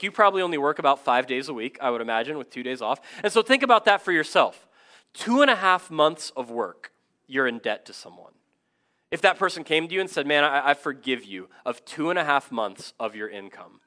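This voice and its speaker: A man in his thirties delivers a sermon in an energetic, conversational way, slipping into asides and self-deprecating stories. His voice sits a little high and sounds bright and forceful. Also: brisk. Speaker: pastor.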